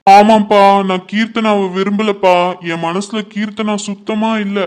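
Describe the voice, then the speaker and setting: A man acts out a defiant young son with a fairly high voice. He speaks bluntly and scolds his elders in a family drama scene. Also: little pitch movement, moderate pace, clean tone, lightly acted. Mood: earnest. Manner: confrontational, scolding.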